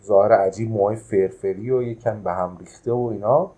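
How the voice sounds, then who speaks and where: A man's voice: lowish voice, dark tone, poor audio. A man who manages a traditional hotel, casually recounting a travel memory with many hesitant filler sounds.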